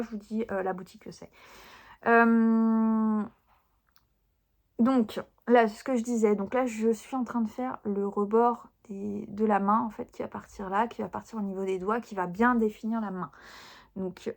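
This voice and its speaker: A young woman chatting casually to viewers about her cross-stitch projects, with many fillers and restarts. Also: medium pitch. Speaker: crafting channel host.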